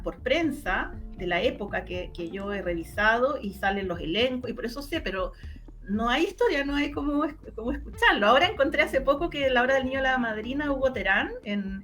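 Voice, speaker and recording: A middle-aged Chilean woman, a researcher and former radio journalist, is interviewed informally about her research. Her medium-pitched voice is a bit bright, and she often searches for words and repeats her phrases.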